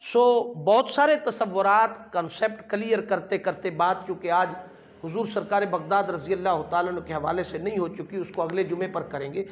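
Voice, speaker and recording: A man preaching a Friday sermon in an emphatic, rhetorical way, repeating his key phrases and asking the listeners questions. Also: high voice.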